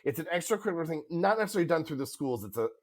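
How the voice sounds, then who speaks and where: A woman's voice: low-pitched, animated, rapid-fire. A middle-aged woman co-hosting a podcast in casual chat, laughing often and telling stories with animation. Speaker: podcast co-host.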